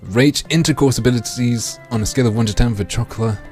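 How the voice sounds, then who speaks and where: A man livestreaming through a headset mic, reading a game aloud and joking crudely with his chat in a deadpan way. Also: medium pitch, fast talker, faint music behind.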